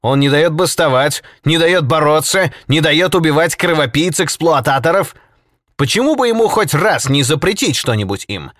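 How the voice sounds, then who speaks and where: A man voicing a furious male socialist agitator who shouts indignant tirades. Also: on the high side, no echo, studio quality, voice pushed up.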